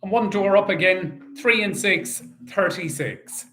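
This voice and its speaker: A man working as a bingo caller, calling out numbers in set phrases and repeating each in a measured, sing-song way. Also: high voice, expressive, a bit bright, soft background music.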